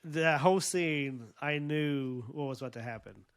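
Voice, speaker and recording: A man's voice: on the high side, moderate pace, clear, resonant tone. A man from Oklahoma co-hosting a casual TV review, making blunt, incredulous remarks. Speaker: podcast co-host. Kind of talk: casual TV episode review chat.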